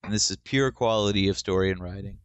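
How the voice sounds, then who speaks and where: A man's voice: lowish voice, fast talker, smooth, no room sound, highs cut off. A man co-hosting a podcast, chatting casually about TV shows and explaining his opinions at length. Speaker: podcast co-host.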